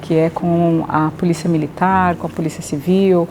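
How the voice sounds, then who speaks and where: A woman's voice: lowish voice, level tone, moderate pace, darkish tone, slight background noise. A woman in her forties with a Brazilian accent, a public health official speaking hesitantly, with many fillers, in a documentary interview. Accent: Brazilian Portuguese. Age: 40s.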